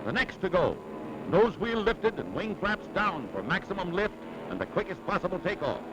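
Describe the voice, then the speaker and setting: An American man with a high-pitched, very animated voice reads a scripted 1940s newsreel narration at a moderate pace, sounding dramatic, urgent and emphatic. The vintage newsreel soundtrack carries loud dramatic music and heavy background noise.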